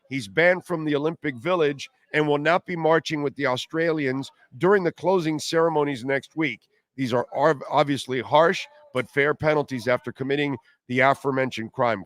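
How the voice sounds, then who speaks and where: A man's voice: a little high, a bit bright, no room sound. A man hosting a radio show, giving informal, wry sports-talk commentary in a conversational way.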